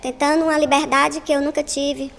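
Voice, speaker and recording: A woman's voice: sits high, little pitch movement, vocal fry, big-room sound. Woman in her fifties, voice-changer distorted. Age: 50s. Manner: halting, with fillers. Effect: voice disguised with a voice changer. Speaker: interviewee, vocational course student. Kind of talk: news interview clip.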